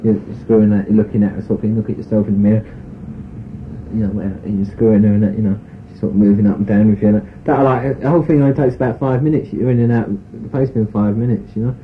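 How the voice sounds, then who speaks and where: A man's voice: lowish voice, fairly even intonation, quick pace. A man, giving a frank, rambling personal account in an interview, full of "you know" and "sort of". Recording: tinny phone-like tape recording with faint hiss.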